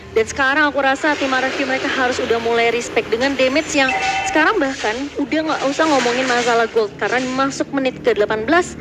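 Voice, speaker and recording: A woman with an Indonesian accent giving excitable live esports match commentary as play-by-play caster, drawing out words in big moments. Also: high-pitched, very noisy.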